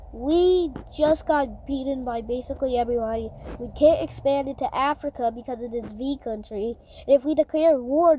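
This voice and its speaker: A woman's voice: high voice, a little mellow, slight background noise, low-quality recording. A woman giving casual, rambling commentary over a map animation, full of fillers and slang, joking as she goes. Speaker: mapping channel narrator.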